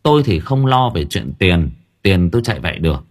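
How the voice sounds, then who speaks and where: A man narrating a first-person audiobook story, expressive and dramatic, stammering in tense moments. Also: low-pitched, a little fast.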